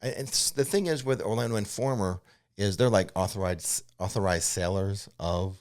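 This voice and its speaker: In a studio, a man with a fairly low, slightly mellow voice co-hosts a casual, unscripted theme park news chat, speaking at normal speed. He answers viewer questions informally and matter-of-factly, with some hedging.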